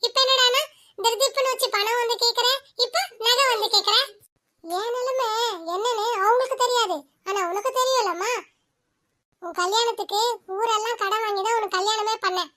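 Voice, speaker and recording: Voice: very high-pitched, sharp tone. ஒரு குரல் நடிகர் பணக் கஷ்டத்தில் சோர்ந்த இளம் கணவனாக, கெஞ்சும் தொனியில் பேசுகிறார். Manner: pleading, complaining. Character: distressed young husband, worn down by money troubles.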